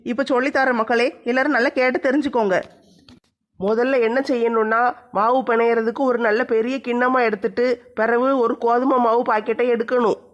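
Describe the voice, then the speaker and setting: A woman's voice: on the high side, fairly even intonation, a little fast, lo-fi sound, voice pushed down, close to an everyday voice. A woman voicing a sly, spiteful young daughter-in-law who grumbles and runs a mock cooking show. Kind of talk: comedy skit.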